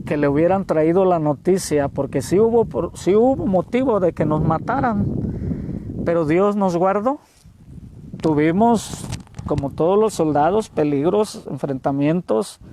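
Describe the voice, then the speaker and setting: A man in his sixties with a Mexican accent, preaching a sermon as an evangelist and telling a story with feeling, booming at some moments and going hushed at others. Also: animated, measured pace, noisy background. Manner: emotional storytelling, swings between loud exclamations and hushed words.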